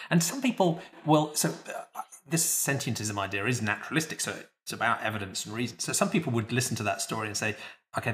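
A man hosting an interview, reflecting on a guest's story in a calm, explanatory way. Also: lowish voice. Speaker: podcast host. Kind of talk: interview conversation.

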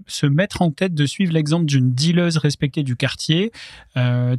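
A man's voice: on the high side, no room sound, clean studio sound. A man co-hosting a casual podcast, talking loosely with many fillers. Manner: relaxed, many fillers, chatty. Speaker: podcast co-host. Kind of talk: casual chat.

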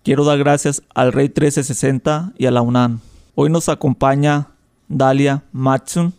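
A man's voice: mid-range voice, steady tone, a little slow, a little mellow, clean tone, no echo, clean studio sound. A man hosting a radio interview, asking polite, formal questions. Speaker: radio host.

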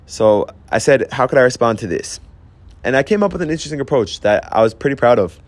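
Young man, earnest, reflective advice talk, personal anecdotes, middle pitch, dry close sound. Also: animated, fast, no echo. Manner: earnest, storytelling, with restarts and "I'm like". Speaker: host sharing personal advice.

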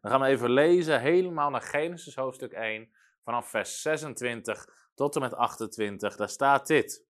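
Man, preacher, broadcast sermon, animated, slow scripture reading. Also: mid-range voice.

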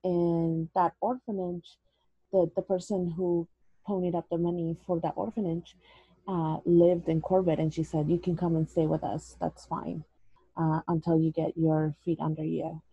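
A woman's voice: fairly low pitch, level tone, moderate pace, warm tone, slightly rough, no room sound, highs cut off. A woman, a guest telling her story earnestly in an interview, dropping in words. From El Salvador. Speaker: guest, educator. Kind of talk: interview conversation.

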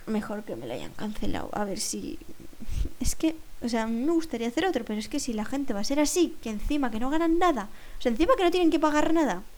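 Young spanish woman venting on her podcast, high voice, chatty and fed up. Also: darkish tone. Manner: ranting, exasperated, chatty. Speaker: podcast host. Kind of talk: casual monologue.

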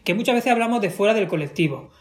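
High-voiced Spanish man, emphatic. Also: animated, fast, a little hiss or hum. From Spain. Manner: emphatic, repeats himself for stress. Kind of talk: casual conversation.

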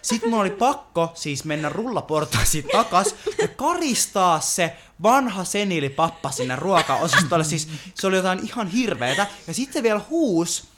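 A young man co-hosting a podcast, telling stories in a lively casual way and laughing often. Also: high-pitched, few pauses. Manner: animated storytelling, laughing often. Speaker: podcast co-host. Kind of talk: casual chat. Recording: noisy background.

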